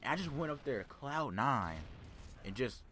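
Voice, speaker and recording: A young man telling a personal story in a casual, rambling way, with a calm, laid-back, serious delivery. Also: medium pitch, normal speed, a little hiss or hum.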